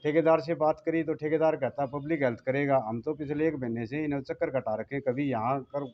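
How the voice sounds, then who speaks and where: A man's voice: fairly high pitch, steady tone, a little fast, lo-fi sound. A man, a local resident, complaining insistently in a street interview. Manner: aggrieved, insistent.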